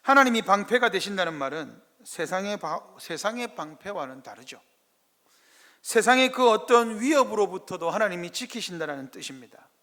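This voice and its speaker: A pastor, preaching a sermon in a church sanctuary and firing rhetorical questions at the congregation. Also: male voice, sits high, lively intonation, moderate pace, pushed and bright. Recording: echoey church hall.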